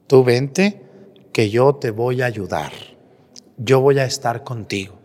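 A priest voicing God as an insistent, reassuring caller summoning Moses, recorded in a reverberant church. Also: male voice, medium pitch, slow pace, a little mellow, natural voice.

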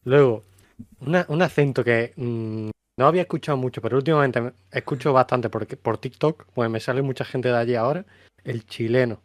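A man's voice: mid-range voice, a little fast, no echo. Easygoing Melillan man, dry close sound. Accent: Melillan Spanish. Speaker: podcast co-host. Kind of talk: casual chat.

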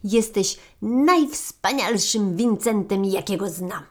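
A woman voicing a young female marmot in a storybook, eager and dreamy, talking high and excitably. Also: slow pace. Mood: excited, eager.

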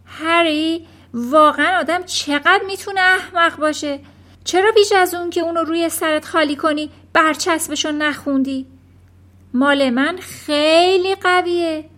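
Vain scornful mother, played by a woman, shrill scolding, high pitch. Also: fairly bright tone. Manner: shrieking and scolding. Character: shrieking scornful mother, sharp-tongued and vain.

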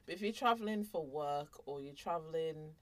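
A woman chatting casually on a podcast, measured and a little hesitant. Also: low voice, animated. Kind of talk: casual chat. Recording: off-mic, distant.

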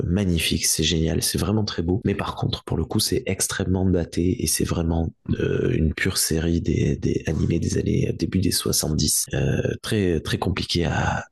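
Deep gravelly man explaining. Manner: explanatory, with frequent restarts. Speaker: podcast guest. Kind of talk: casual chat.

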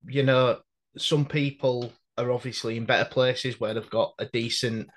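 A man's voice: mid-range voice, fairly even intonation, normal speed. A British man in casual conversation, talking in a hesitant, reflective way as he interviews a guest.

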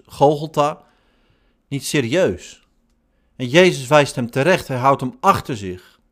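Give me a male pastor delivering a sermon at a slow, deliberate pace. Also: medium pitch, fairly bright tone. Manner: slow, measured preaching with short phrases.

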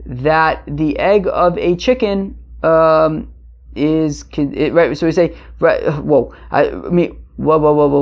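Male teacher, conversational and halting, gravelly voice, explaining religious text; dull lo-fi sound. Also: on the high side, a little mellow. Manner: conversational, halting, asking and answering his own questions. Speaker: Talmud teacher. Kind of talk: informal Talmud lesson, translating as he goes. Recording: muffled lo-fi recording.

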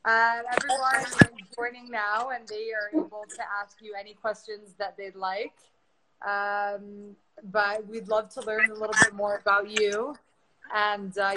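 A woman's voice: mid-range voice, little pitch movement, measured pace, very noisy. A woman hosting a live online interview, chatty, asking questions with many fillers. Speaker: host.

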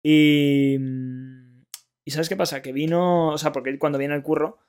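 A young man from talks casually as a podcast co-host. His voice sits a touch high, and he tells joking stories laced with slang and swearing. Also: fairly even intonation, a little slow, a little mellow, smooth. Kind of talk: casual chat.

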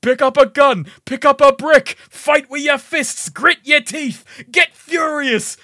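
A man reading a gruff male rebel leader's rousing, profane speech in a put-on American accent. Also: very high-pitched, slow, bright, forceful tone, dry recording, clean studio sound, pitched above the performer's own voice, heavily acted. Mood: fired up.

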